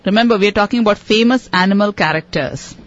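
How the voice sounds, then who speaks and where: A woman hosting a radio call-in quiz in a smooth on-air host manner, friendly and patiently encouraging callers. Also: mid-range voice, fast. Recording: muffled radio broadcast audio, faint hiss.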